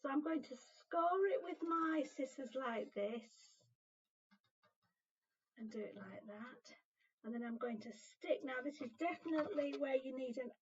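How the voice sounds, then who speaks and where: A woman with a British accent presenting a craft session for small children, talking in a gentle sing-song way with simple questions, as if reading to a toddler. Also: high voice, unhurried. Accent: British English. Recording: slightly dull lo-fi sound.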